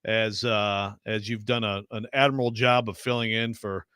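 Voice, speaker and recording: A man's voice: fairly low pitch, fairly even intonation, moderate pace, pushed and bright, smooth, dry recording, clean studio sound. A man hosting casual sports talk radio, wordy and often interrupting himself.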